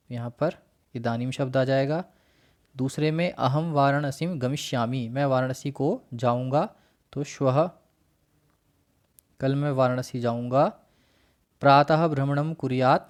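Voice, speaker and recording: A man teaching a worksheet lesson, reciting word lists in a slow, measured way and then explaining each one. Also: mid-range voice, darkish tone.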